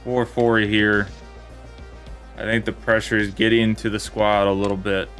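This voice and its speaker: A young man giving casual play-by-play commentary on a football video game match, in a plain, steady way that turns let down when his side concedes. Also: on the low side, unhurried, soft background music. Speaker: gaming commentator.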